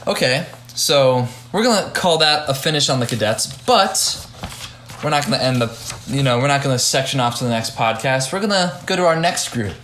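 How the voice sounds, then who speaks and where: A young man hosts a laid-back podcast and talks things over in a middle-pitched voice. He hedges often, restarts his sentences and fills gaps with "like" as he thinks aloud. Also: lively intonation, fairly bright tone, roomy sound, a little hiss or hum. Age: young adult. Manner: halting, hedging, many restarts. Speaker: podcast host and judge. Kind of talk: casual podcast chat.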